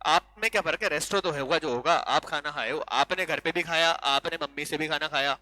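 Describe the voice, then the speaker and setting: A male law teacher giving an animated classroom lecture, full of rhetorical questions and switching into English. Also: fairly high pitch, a little fast, no room sound, low-quality recording.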